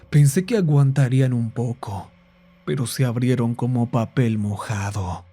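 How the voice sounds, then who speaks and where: A man narrating a horror story in a scripted, measured style. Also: medium pitch, dark tone. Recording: faint music underneath.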